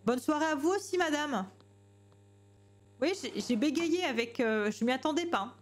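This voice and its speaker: A woman's voice: sits high, animated, moderate pace, a little hiss or hum. A woman streamer giving jumpy, chatty commentary on a horror game, talking to herself and greeting customers politely. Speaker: gamer streamer.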